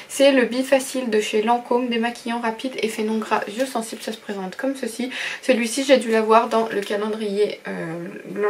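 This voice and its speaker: A woman's voice: on the high side, a little hiss or hum. A woman reviewing beauty products in a casual vlog, rambling and frank with many fillers and slangy asides. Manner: rambling, full of "euh" and "voilà" fillers. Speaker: beauty vlogger.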